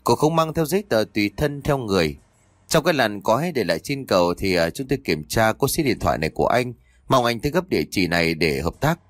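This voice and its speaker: A man's voice: fairly low pitch, expressive, fairly quick, no echo, studio quality, natural voice. A man voicing a stern male police officer who speaks in a formal, official way in an audio story.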